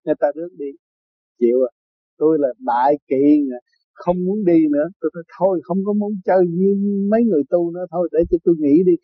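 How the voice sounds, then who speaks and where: An older man from Vietnam gives a loose, chatty spiritual talk, breaking into laughter and acting out other people's voices. His voice sits high and sounds husky. The recording is dull and dry. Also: fast. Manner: storytelling, laughs often, acts out quoted voices. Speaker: spiritual teacher. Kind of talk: informal dharma talk.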